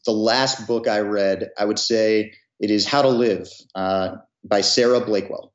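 Founder guest in his 30s, lower voice, hesitant, in a roomy room. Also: fairly even intonation, measured pace. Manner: hesitant, full of fillers and restarts. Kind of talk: interview answers. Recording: roomy, dull audio.

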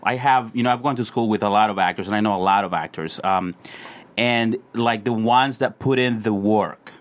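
Lower-voiced man rambling casually. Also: moderate pace. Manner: rambling, heavy use of "like" and "you know". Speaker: actor guest. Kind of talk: casual chat.

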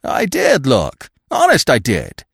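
A man's voice: mid-range voice, huge pitch swings, takes it slowly, gravelly, a bit bright, breathy edge, no room sound, full character voice. A man voicing a meek, bungling male crook who answers in a plaintive, whining way.

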